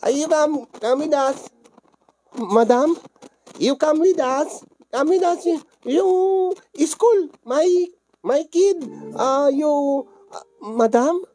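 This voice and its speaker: Woman doing a shrill fussy employer lady. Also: takes it slowly, mellow, poor audio. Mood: pushy. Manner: shrill, pleading, repeats herself. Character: high-pitched fussy female Hong Kong employer. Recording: background music under the voice.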